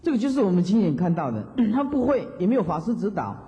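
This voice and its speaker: A man's voice: high-pitched, sing-song, fast, mellow, slight background noise. A male Buddhist monastic teacher giving a dharma talk, chanting examples and chuckling often. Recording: dull lo-fi hall recording.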